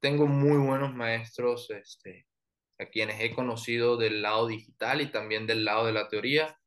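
A man in his thirties from Colombia's Caribbean coast with that accent, an orthodontist explaining his work in an interview, relaxed with many fillers and restarts. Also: mid-range voice, moderate pace. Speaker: orthodontist guest. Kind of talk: professional interview and presentation.

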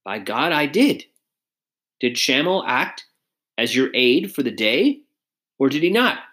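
A man voicing an excitable older officer who protests indignantly. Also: mid-range voice, slow, pitched above the performer's own voice.

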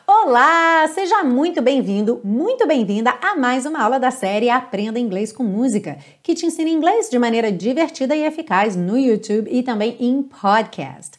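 A Brazilian woman gives an English lesson on video, speaking in a slightly high voice. She talks straight to the viewer in a friendly, lively way and slows right down to read each English line before translating it. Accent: Brazilian Portuguese. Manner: reads English lyrics slowly, then translates. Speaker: English teacher. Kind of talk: upbeat video lesson in Portuguese.

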